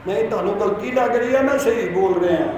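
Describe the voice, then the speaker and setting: A man's voice: sits high, fast, a crowd in the background. A man with a Punjabi accent preaching a Sunday sermon, leading the congregation in call-and-response and urging them to repeat his words aloud. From Punjab, India. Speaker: pastor. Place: church hall. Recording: echoey hall with long reverb and noise.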